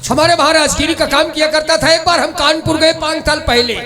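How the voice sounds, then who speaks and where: A man playing a scheming middle-aged village headman in a folk stage drama, declaiming loudly. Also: extremely high pitch, fairly even intonation, fairly quick, music in the background. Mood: sly. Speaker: stage actor. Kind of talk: folk nautanki stage acting.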